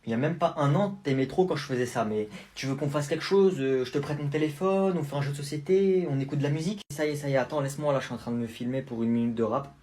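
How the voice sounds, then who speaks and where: A man's voice: fairly high pitch, fast talker, hardly any pauses, darkish tone. A man doing comic TikTok skits as a cheeky kid, talking in brash, mocking street slang. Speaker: comedy skit creator.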